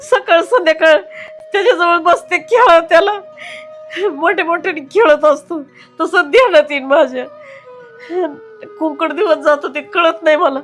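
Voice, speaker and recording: A woman with a high voice laments through tears in a comic family sketch. Faint music sits behind her. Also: moderate pace, a bit bright. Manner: tearful, lamenting. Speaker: aunt in comedy sketch. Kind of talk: sketch comedy acting.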